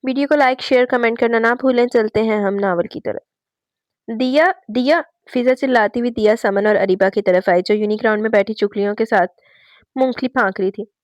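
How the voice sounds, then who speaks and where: Lively woman reading a novel aloud. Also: on the high side, fairly quick, dry recording. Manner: lively, raises her voice for quoted dialogue. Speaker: novel reader and channel host. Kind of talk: reading a romance novel aloud with character voices.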